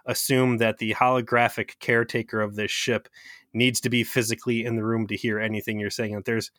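Casual male co-host, dry close mic, animated retelling, salty language. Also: fairly low pitch, fast, dry recording. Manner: animated, acts out quotes, swears, laughs. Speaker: podcast co-host. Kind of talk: casual chat recapping a TV episode.

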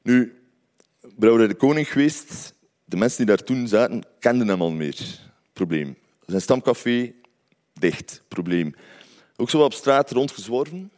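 Flemish male storyteller, animated pitch, wry and conversational. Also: a little slow, long pauses. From Belgium, Ghent. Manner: conversational, wry asides to listeners. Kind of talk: personal storytelling.

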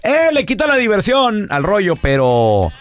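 Male host, casual banter, a bit high, very lively intonation. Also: moderate pace, soft background music. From Mexico. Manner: joking, animated, swings up and down in pitch. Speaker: radio show host.

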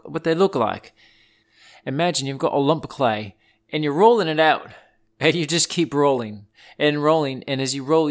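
Sitting indoors by a wood stove, a man at medium pitch spins playful animal tales for his children's podcast. He puts on a theatrical accent and keeps the storytelling informal and aimed at his listeners.

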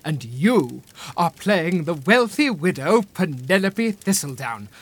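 A woman's voice: lowish voice, big pitch swings, takes it slowly, slightly rough, full character voice. A woman playing a pompous, fussy, theatrical amateur detective in an audio comedy drama, with grand and wordy phrasing. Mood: pompous, explaining.

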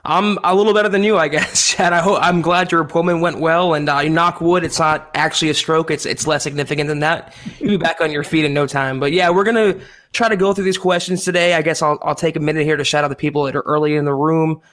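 A man with a slightly high voice co-hosts a live sports podcast. He talks casually and addresses the viewers directly. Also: steady tone, quick pace, fairly bright tone. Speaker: podcast co-host.

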